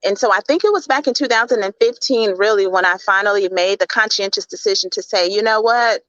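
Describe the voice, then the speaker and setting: A woman's voice: medium pitch, fast, fairly bright tone, dry recording, highs cut off. A woman from Mississippi with a Southern drawl and dropped G's, telling her story conversationally as an interview guest. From Mississippi, United States. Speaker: guest, public speaker.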